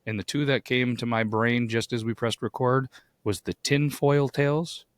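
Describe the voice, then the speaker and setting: A man with a hoarse, grating voice from too much yelling, chatting casually as a podcast co-host. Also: mid-range voice, fairly even intonation, normal speed, dry recording, clean studio sound.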